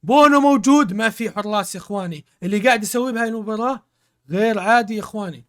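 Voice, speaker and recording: A man's voice: sits high, very fast, a bit bright. A man streaming a football video game, commentating live, exclaiming in bursts, repeating words and thanking his viewers. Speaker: gaming streamer.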